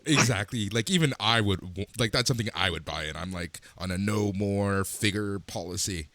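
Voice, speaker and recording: Low-voiced man, measured podcast chat. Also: fairly bright tone, no echo. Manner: measured, agreeable, uses many fillers. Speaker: podcast co-host. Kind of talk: casual chat.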